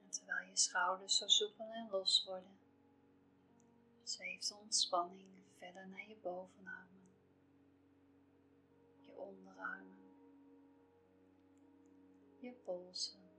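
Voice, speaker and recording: Female meditation narrator: soft, breathy half-whisper, steady and even, bright tone, soothing measured phrasing. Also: mid-range voice. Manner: slow, measured, calming phrasing with pauses. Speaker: guided relaxation narrator for pregnancy. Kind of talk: scripted guided relaxation meditation. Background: soft music.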